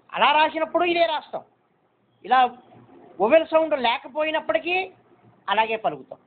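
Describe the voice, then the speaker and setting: A man teaching a shorthand lesson step by step, patiently repeating points and checking that students understand. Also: very high-pitched. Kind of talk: step-by-step classroom instruction. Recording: tinny phone-like recording.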